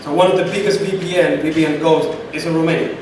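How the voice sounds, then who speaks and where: A man with a Chilean Spanish accent speaks fast in a slightly high voice with fairly even intonation. He's a guest at a startup event, answering questions emphatically and repeating points for emphasis. The recording sounds distant and echoey, with room noise.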